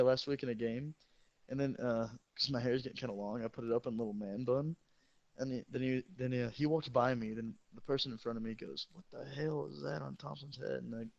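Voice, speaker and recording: A teenage high school football player with a creaky voice rambles through crude, joking stories to a friend. The audio is dull, with no echo.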